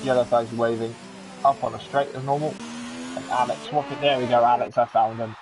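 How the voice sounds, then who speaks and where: Excitable commentator calling a sim race over loud car engine noise. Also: male voice, mid-range voice, a little fast. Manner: excitable, chatty with jokey asides. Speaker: sim racing league commentator. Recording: game engine noise under the voice. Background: racing car engine sounds from the game.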